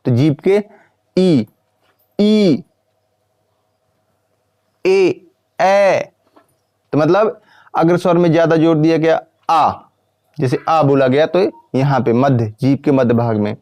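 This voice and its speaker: A man's voice: on the high side, darkish tone, no echo, studio quality. Male teacher quizzing his class. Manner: asks the class questions and answers them himself; repeats points slowly and sounds out vowels. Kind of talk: grammar lesson.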